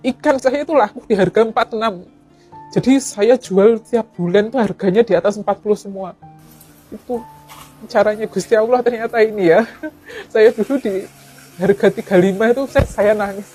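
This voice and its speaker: A middle-aged woman with an East Javanese accent tells an interviewer her own story in an earnest, heartfelt way. She keeps stopping to give thanks to God and slips into quoting what others said. Her voice is mellow and mid-pitched, with soft music faintly under her. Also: normal speed, breathy edge. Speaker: fish farmer and teacher. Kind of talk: personal story told to an interviewer.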